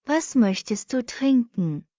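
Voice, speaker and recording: A woman reads short practice sentences for learners at a very unhurried crawl, repeating each one. Her voice sits a little high, and the recording is dry and slightly dull. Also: lively intonation, mellow, no room sound. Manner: reads each sentence twice, very slowly and evenly. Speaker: language lesson reader. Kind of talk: slow repeated phrase reading for learners.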